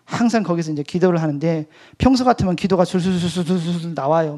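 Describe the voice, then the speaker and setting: A male pastor and missionary giving a testimony at an evening church service, swinging between loud outbursts and hushed whispers. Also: sits high. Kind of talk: sermon testimony.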